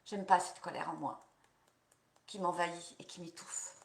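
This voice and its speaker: A woman practitioner leading a guided EFT tapping session, repeating slow affirmations and coaching listeners between phrases. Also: fairly low pitch, fairly even intonation, creaky, reverberant, slight background noise.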